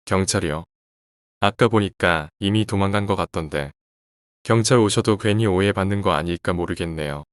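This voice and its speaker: A man voicing a frightened young woman in a horror story, speaking in a hurried, anxious way. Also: deep voice, dry recording, studio quality, lightly acted.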